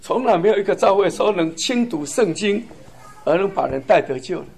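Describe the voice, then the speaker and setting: A man's voice: high voice, lively intonation, brisk, vocal fry, darkish tone. Fervent man preaching with chuckles. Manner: fervent, chuckling, emphatic lists. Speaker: church speaker. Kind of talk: sermon testimony.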